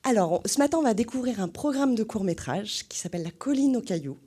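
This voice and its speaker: A woman hosts a children's screening at the cinema, and her pitch jumps about as she asks the kids questions. Her tone is mellow and a little husky. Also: animated, fairly quick. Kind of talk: lively talk to young children. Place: cinema hall.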